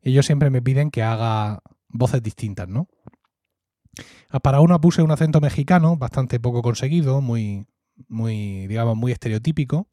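A man's voice: mid-range voice, normal speed, mellow, dry recording, studio quality. A man with a Murcian accent, co-hosting a podcast and telling fond, reflective stories in casual conversation, often tagging his lines with a questioning "¿no?". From Murcia, Spain. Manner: reflective, fond storytelling with frequent "¿no?" tags. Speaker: podcast co-host.

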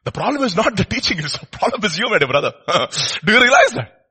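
A man's voice: high voice, very animated, fast, pushed and bright, slightly rough. A man with an Indian accent preaching informally, repeating short phrases and putting rhetorical questions to his listeners.

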